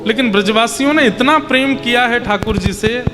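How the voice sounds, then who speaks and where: Man preacher, high voice, devotional sermon in a reverberant hall with loud music underneath, expressive storytelling. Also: normal speed. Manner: acts out child and mother voices in the story, lively. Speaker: Bhagavat katha preacher.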